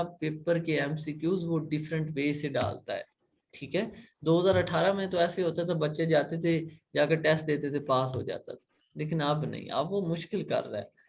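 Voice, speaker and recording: A man's voice: on the high side, vocal fry, slight background noise. A man with a Pakistani accent teaching an online class, explaining patiently, repeating points and often checking that students follow. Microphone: laptop.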